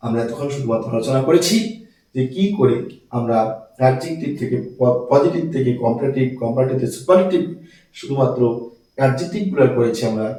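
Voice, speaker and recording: A man's voice: medium pitch, quick pace, dark tone, distant mic. A man teaching a grammar lesson in a classroom, repeating key words and quizzing his students. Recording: echoey room, off-mic.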